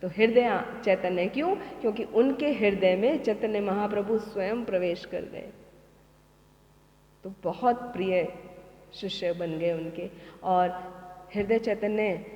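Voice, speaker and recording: A woman's voice: medium pitch, slow, lo-fi sound. A woman teacher telling devotional stories, who asks rhetorical questions and then answers them. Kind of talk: devotional storytelling discourse. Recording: echoey hall with long reverb.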